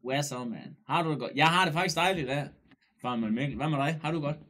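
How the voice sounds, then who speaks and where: A man streaming live, chatting casually and loudly, joking, swearing and greeting viewers by name. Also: fairly high pitch.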